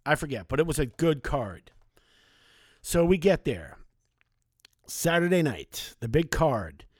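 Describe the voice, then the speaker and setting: A chatty man in his forties tells loose, casual stories from years ago, drifting from aside to aside and swearing mildly now and then. His slightly high, sing-song voice is a little mellow and slightly rough, at a measured pace. The sound is close and dry, with no room echo.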